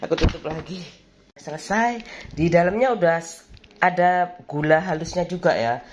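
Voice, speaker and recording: A woman's voice: lowish voice, moderate pace, noisy background. A woman, chatting casually in a home kitchen as she cooks for her vlog, rambling through memories and laughing often. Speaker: vlogger.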